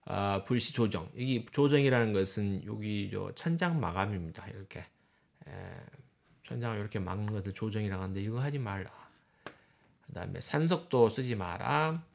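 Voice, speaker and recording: A man's voice: lowish voice, expressive, normal speed, gravelly. A male university professor giving a classroom lecture, walking through slides and pointing things out with short explanatory remarks.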